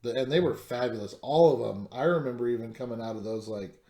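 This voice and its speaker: A man's voice: mid-range voice, fast talker, dark tone. Chatty podcast host man, echoey room. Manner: rambling, lots of fillers and restarts, laughs easily. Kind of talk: casual podcast chat.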